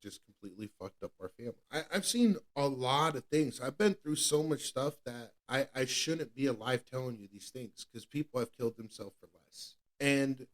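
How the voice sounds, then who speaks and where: Expressive and barely pausing, a man in his thirties from New England talks at normal speed in a mid-range voice. As a podcast co-host offering candid personal testimony, he is earnest and repetitive, often restarting sentences.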